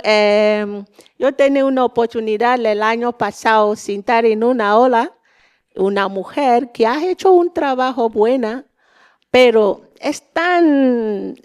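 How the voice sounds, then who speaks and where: Slow, clear Nigerian woman speaking non-native Spanish. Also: on the high side, darkish tone. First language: not Spanish. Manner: halting, searching for words in non-native Spanish. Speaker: panel speaker, activist. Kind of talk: informal panel speech.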